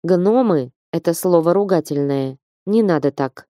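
A gruff, bearded dwarf father with a low, bass-leaning voice and curt, blunt phrasing, as a woman reads him in a storybook. The sound is dry and close, with a mellow, dark tone. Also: lively intonation, unhurried, dry recording. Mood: stubborn. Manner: curt, matter-of-fact. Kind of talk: audiobook character voice.

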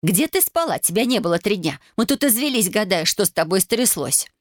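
A woman's voice: mid-range voice, big pitch swings, brisk, no room sound, clean studio sound, voice pushed up, natural voice. A woman reading the part of a stern, reproachful older village woman, in a raised voice. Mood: scolding. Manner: stern, scolding.

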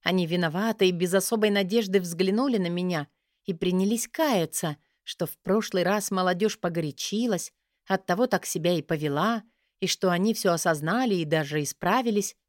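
A woman reading a first-person fantasy audiobook in a lively, wry storytelling manner. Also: lowish voice, fairly quick, dry recording, studio quality. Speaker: audiobook narrator.

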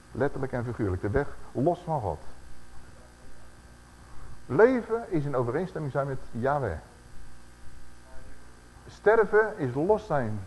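A man preaching a sermon, acting out the voices he quotes and slowing down for scripture. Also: medium pitch, a little mellow, slightly rough, in a large hall, poor audio.

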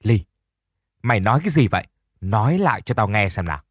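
A man's voice: fairly low pitch, sing-song, quick pace, slightly rough, no room sound, clean studio sound. A man voicing a harsh, bossy older aunt who scolds and mocks her niece in a told story. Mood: cold.

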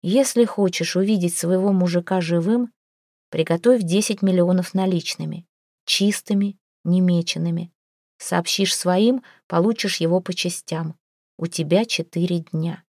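Woman doing a menacing kidnapper in a storybook, slow, flat and cold. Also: fairly low pitch, no echo, clean studio sound. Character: threatening male kidnapper making a ransom demand.

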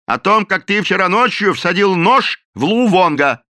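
A man voicing a loud, blustering, dim-witted police captain who barks and bullies. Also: mid-range voice, big pitch swings, brisk, no echo, clean studio sound, pitched above the performer's own voice. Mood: shouting. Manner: barking, bullying, shouting.

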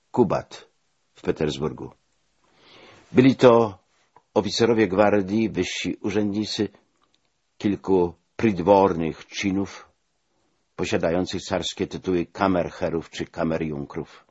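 A man reading a first-person memoir aloud, telling it in a measured, expressive way with rising emphasis. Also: deep voice, husky, highs cut off. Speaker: audiobook reader.

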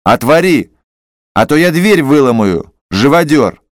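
A man voicing an outraged male hospital patient who shouts and protests in a classic story reading. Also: mid-range voice, normal speed, dry recording, clean studio sound, voice pushed up, close to an everyday voice.

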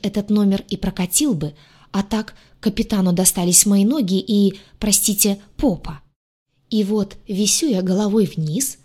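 A woman narrating a first-person audiobook in a lively, wry, expressive way. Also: medium pitch, breathy edge.

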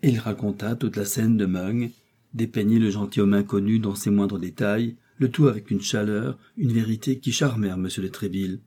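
A man narrates a classic novel as an audiobook in a calm, even manner. His voice is very dark and mellow, with a husky edge. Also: on the low side, normal speed.

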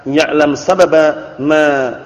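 A man, a religious teacher, giving a classroom lecture on Arabic grammar. He recites the Arabic slowly, explains it, and keeps checking that students follow. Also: fairly high pitch, steady tone. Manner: keeps checking understanding with quick questions. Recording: echoey hall, dull lo-fi audio.

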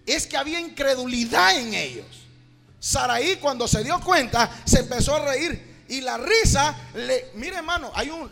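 A fervent male preacher who speaks slowly and in a gravelly voice. He stretches his phrases and swings his pitch widely. His words ring through a hall with a long echo and soft music behind. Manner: fervent, drawn-out, addresses "hermano". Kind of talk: evangelical sermon. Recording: reverberant hall, faint music.

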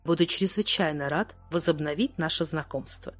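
Courteous London gentleman, read by a woman. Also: medium pitch, animated, brisk, faint music behind, natural voice. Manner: polite, gallant.

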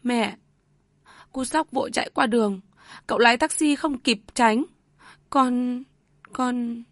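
A panicked young mother's voice, high and strained, begging through sobs, as a woman storyteller puts her on. The sound is close and dry. It comes from a read-aloud audio story. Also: takes it slowly, a bit bright, dry recording. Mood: choked sobbing. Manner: pleading, breathless and tearful. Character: frantic young mother in anguish.

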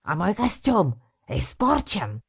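A woman's voice: mid-range voice, huge pitch swings, slow pace, slightly rough, pitched above the performer's own voice, full character voice. A woman voicing a furious, theatrical male circus director with an Italian accent and broken grammar.

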